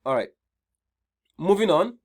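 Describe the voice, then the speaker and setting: A man's voice: high-pitched, lively intonation, a little slow. A man with a Nigerian accent hosting an online career seminar, chatty, often repeating his points and checking in with "right?". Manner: conversational, repeats key points, frequent "right?" check-ins. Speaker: seminar host.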